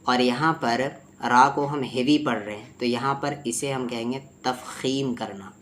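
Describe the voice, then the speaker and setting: Man teaching quran tajweed, slow careful recitation, patient explaining. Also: mid-range voice, fairly bright tone, slight background noise. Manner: patient, explains each letter, then recites slowly for the student to repeat. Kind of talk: tajweed lesson with repeat-after-me drills.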